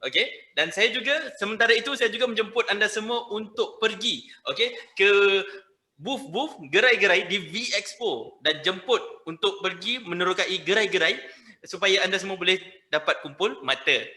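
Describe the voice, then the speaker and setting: A man hosts a conference question session in a very bright, forceful voice pitched a little high. He is polite and often halting as he forms his sentences. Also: expressive. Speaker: conference moderator. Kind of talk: hosting a question-and-answer session.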